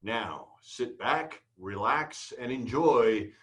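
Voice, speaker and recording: Male announcer, theatrical introduction, unhurried, mid-pitched. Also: expressive, fairly bright tone.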